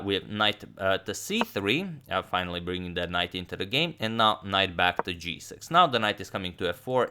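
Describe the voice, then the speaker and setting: A man in his thirties giving chess game commentary, explaining move by move in a halting delivery. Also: deep voice, pushed and bright, slight background noise. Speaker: chess commentator, channel host. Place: small room indoors.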